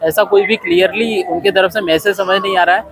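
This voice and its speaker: A man's voice: high-pitched, fairly even intonation, a little fast, vocal fry, crowd noise. A man from India, a travel vlogger and yoga teacher, chatting casually outdoors by a lake with many fillers. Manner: chatty, rambling, frequent fillers. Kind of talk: casual travel vlog narration. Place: outdoors by a lakeside ghat.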